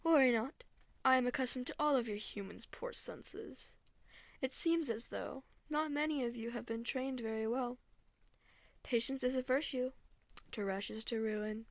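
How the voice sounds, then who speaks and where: A woman voicing a female eldritch deity who speaks slowly and calmly in a soothing but threatening, condescending way. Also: a little high, no room sound, natural voice. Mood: soothing menace. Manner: slow, calm, condescending.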